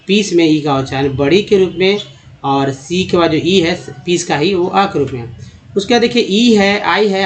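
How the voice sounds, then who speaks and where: Man, English reading lesson, spells words out letter by letter, somewhat high voice. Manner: addresses viewers as friends, spells words letter by letter, halting with fillers. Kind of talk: explanatory lesson.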